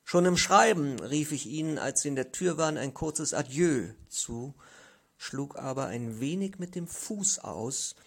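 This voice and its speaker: A man reading a literary story aloud in the first person, measured and expressive. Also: a little high, gravelly. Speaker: audiobook narrator.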